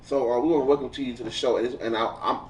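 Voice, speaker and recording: A man's voice: mid-range voice, steady tone, racing. A man hosting a casual chat show, joking and laughing often and boasting about himself. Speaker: host. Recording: echoey room, far from mic, faint noise.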